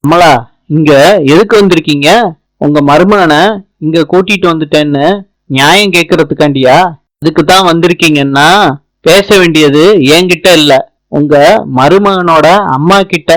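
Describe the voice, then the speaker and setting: A man reading the lines of a calm middle-aged housewife who answers in a firm, matter-of-fact way. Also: fairly high pitch, moderate pace, pauses often, no room sound, lightly acted, poor audio.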